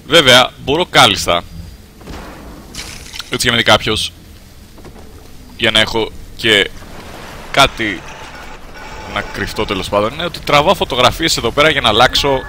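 Lively, bright-voiced sarcastic male commentator. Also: long pauses, slight background noise. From Greece. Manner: jokey, sarcastic running monologue, jumps to high squeals when startled. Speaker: game commentator. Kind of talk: comedic gameplay commentary in character.

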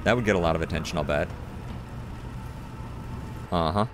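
A deep-voiced man speaking at normal speed hosts a let's play, his chatty commentary sprinkled with self-mockery. Game audio and music play underneath, and the background is noisy.

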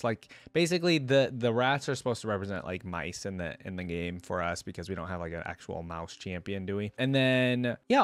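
With a lowish, clean voice and no room sound, this young man does reaction commentary from a gaming desk in a small room. He's chatty, enthusiastic and a bit rambling, speaking up close to a desk mic.

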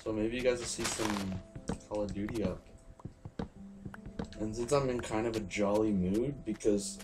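A tired young man with a lowish voice talks through a game in a loose, rambling, self-mocking way, swearing casually as he goes. Loud music plays underneath his commentary throughout. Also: normal speed. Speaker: gaming channel host. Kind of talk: casual let's-play commentary.

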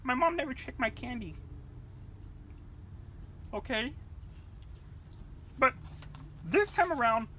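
Comedic vlog rant: a woman as a cursing, rambling puppet-world mother, shrill and sharp. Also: lively intonation, slow pace, long pauses, slight background noise, full character voice. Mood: chatty. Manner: profane, shouting, rambling. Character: foul-mouthed furious puppet-world mother.

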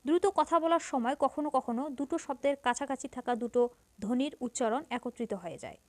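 A woman's voice: sits high, brisk, no room sound. A woman teaching a grammar lesson to students, patiently explaining each point and repeating it.

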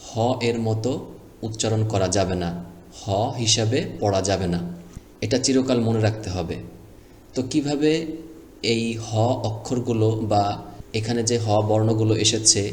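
A man's voice: lowish voice, darkish tone. A man teaching reading step by step, patiently spelling out and repeating sounds. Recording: echoey room with faint noise.

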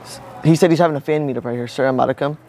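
In a large indoor supermarket, a young American video host pranks people in public and keeps up casual, slangy, profane banter. His medium-pitched, slightly mellow voice moves very fast, with soft background music and noisy store ambience captured by a camera microphone.

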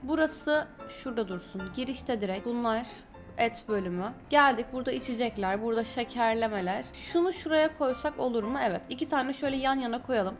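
A woman gaming YouTuber giving chatty, casual commentary to her viewers while she plays. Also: high-pitched. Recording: background music under voice.

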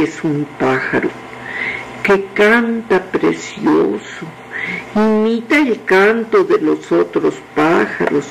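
A scheming older woman who coaxes and confides, played by a male storyteller. She talks slowly with a gravelly texture. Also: high voice, a little hiss or hum, full character voice, poor audio.

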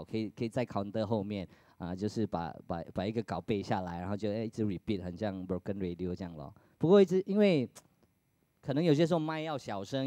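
A man, chatting casually and softly about his early acting jobs, his phrases trailing off. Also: lowish voice, dry recording. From Singapore. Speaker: musical theatre actor. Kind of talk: casual chat.

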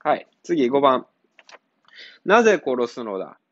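Lively male tutor, dry lo-fi sound. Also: mid-range voice, slow pace, no room sound. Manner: casual, blunt, teasing asides. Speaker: cram school teacher. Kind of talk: explaining literature exercise answers. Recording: dull lo-fi sound.

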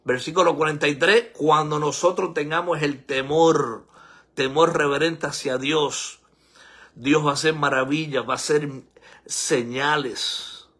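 An older man preaching a sermon as pastor, exhorting and rising to high, emphatic peaks. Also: steady tone, measured pace, a bit bright, breathy edge. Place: church sanctuary.

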